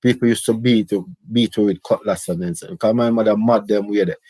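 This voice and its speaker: A man's voice: fairly low pitch, steady tone, fairly quick, dark tone, breathy edge, no echo. A middle-aged Jamaican man telling his life story in casual, rambling patois. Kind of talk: casual autobiographical chat.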